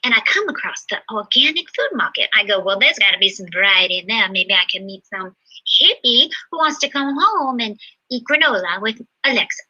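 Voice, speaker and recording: Bright, husky woman telling a comic story. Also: mid-range voice, lively intonation, fairly quick. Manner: chatty storyteller, swings between loud exclaims and hushed asides. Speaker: solo comedy performer. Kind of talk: solo comedy monologue with character voices. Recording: dull lo-fi livestream sound.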